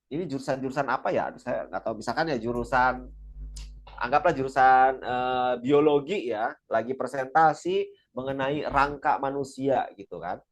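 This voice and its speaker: Energetic male seminar speaker. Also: mid-range voice, normal speed. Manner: energetic, repeats key points, frequent religious phrases. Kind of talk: lively seminar talk.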